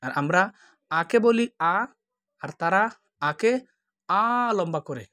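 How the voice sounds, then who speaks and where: A man's voice: a little high, animated, sharp tone, dry recording. A man with a slightly raised voice teaches alphabet sounds in a patient tutorial, stretching each vowel so learners can follow. The recording is close and dry, with no room sound. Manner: patient, drawn-out letter sounds. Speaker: language teacher. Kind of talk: tutorial explanation.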